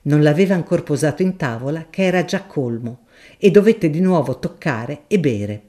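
Woman reading a classic novel aloud. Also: deep voice. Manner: measured, expressive storytelling. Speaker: narrator. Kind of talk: literary audiobook reading.

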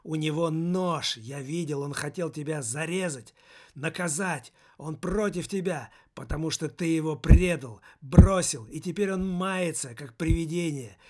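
A man's voice: on the high side, a little slow. Man reading a frantic, pleading shifty man. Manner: excitable, frantic warnings. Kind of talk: audiobook character reading.

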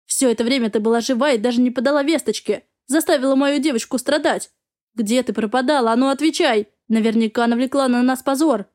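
A woman's voice: high voice, quick pace, a little mellow, natural voice. A woman voicing a haughty, hostile middle-aged stepmother in an audiobook, speaking in a harsh, accusing way. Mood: bitter.

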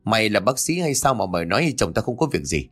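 A man's voice: on the low side, big pitch swings, fast talker, fairly bright tone, soft background music. A man voicing a spiteful middle-aged village woman who sneers and scolds. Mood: spiteful scolding.

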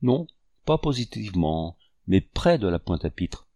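Un homme qui joue un vieux chasseur doux et paternel, au ton tendre et posé. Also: male voice, deep voice, measured pace, no room sound, studio quality, heavily acted. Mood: tender. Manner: tender, calm. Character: older man, gentle fatherly hunter.

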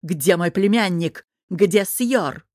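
A woman voicing a proud, hot-tempered young prince in an audiobook, with a guarded delivery that breaks into loud shouting. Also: on the low side, takes it slowly, no echo, studio quality. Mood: furious. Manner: guarded, then bursting into shouting rage. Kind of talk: audiobook character reading.

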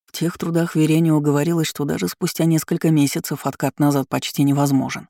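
A reader gives voice to an anxious young lord who asks nervous, conciliatory questions, in a soft, mellow tone. The audiobook recording is dry. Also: medium pitch, flat delivery, quick pace, vocal fry, no room sound, close to an everyday voice.

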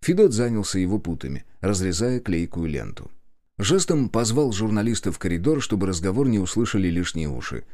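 A man narrates a fantasy audiobook in the first person. His voice sits low and mellow. His intonation moves in lively arcs. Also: brisk.

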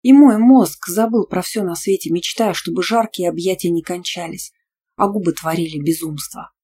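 A woman narrating a romance novel in the first person with a lively, expressive reading. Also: fairly low pitch, moderate pace, slight background noise. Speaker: audiobook narrator.

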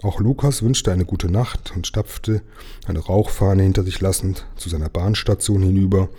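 A man reading a children's book aloud in a gentle, unhurried storytelling manner. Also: low voice, slightly rough.

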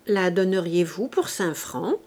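A woman voicing a gentle male stranger in an audiobook, soft and polite. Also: on the low side, animated, measured pace. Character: poor stranger, a man with a gentle voice.

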